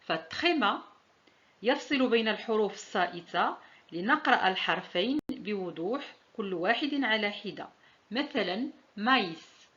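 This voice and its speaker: A woman teaching a French lesson, saying each example slowly and deliberately. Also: medium pitch, a bit bright, highs cut off. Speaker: language teacher.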